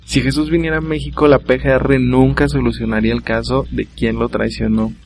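A man's voice: mid-range voice, level tone, a little fast, vocal fry. A man with a Mexican accent hosting a solo comedy podcast, rattling off jokes in a casual, slangy way and laughing at his own lines. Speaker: podcast host.

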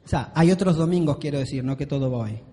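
A man's voice: on the high side, fast talker, mellow, slight background noise. A man preaching a sermon to a congregation in a church hall, driving his points home with repeated rhetorical questions. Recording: long reverb of a large hall.

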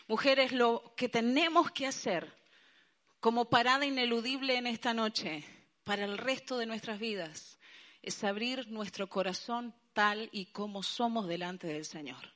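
Una pastora con acento colombiano predicando un sermón animado y enfático a un grupo de mujeres. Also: female voice, fairly high pitch. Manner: lively, emphatic preaching with colloquial asides. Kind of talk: sermon to a women's gathering.

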